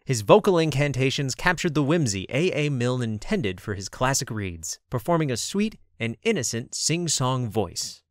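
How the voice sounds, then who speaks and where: A man giving scripted documentary narration in a lively, expressive read. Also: medium pitch, normal speed, hardly any pauses, no echo, studio quality.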